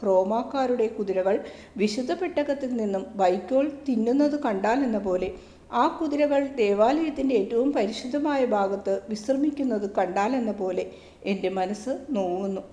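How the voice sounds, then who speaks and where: A grieving young male disciple, read by a woman in a story, sorrowful and earnest. The voice stays fairly high and mellow, with an echoey room around it. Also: normal speed, close to an everyday voice.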